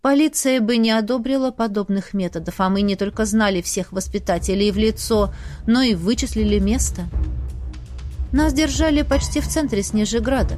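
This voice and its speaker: A woman narrating a first-person audiobook in a steady storytelling manner. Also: medium pitch.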